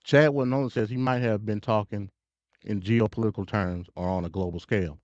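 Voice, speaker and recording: A darkish, low voice with a steady tone and a slightly fast pace, no echo present. He's an American streamer riffing on politics casually and with strong opinions, emphatic and slangy, prone to repeating and stuttering. The audio is dull and lo-fi.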